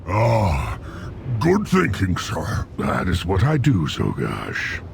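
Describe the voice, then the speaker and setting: Booming gravelly game villain. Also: male voice, huge pitch swings, takes it slowly, slight background noise, heavily acted. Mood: commanding, menacing. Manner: booming, theatrical villain monologue. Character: booming monstrous male game villain boss. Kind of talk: video game boss voice acting.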